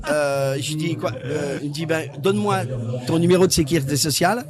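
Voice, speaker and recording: Guest storyteller: man, somewhat high voice, animated, acts out every line he quotes, recorded on a live event stage. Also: a little fast, a crowd in the background. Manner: animated, acts out other people's lines, repeats words. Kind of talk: lively storytelling anecdote.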